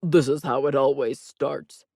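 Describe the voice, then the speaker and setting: A sulky, dramatic young man who draws out every complaint in a low, gravelly voice, as a woman acts him out for an audiobook. He sounds close and dry, with no room around him. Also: fairly even intonation, dark tone, no room sound, exaggerated voice. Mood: whiny.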